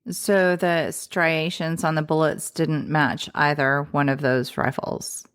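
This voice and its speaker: A woman's voice: low-pitched, flat delivery, takes it slowly, smooth. A woman co-hosting a podcast, listening and joking wryly in casual chat. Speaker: podcast co-host.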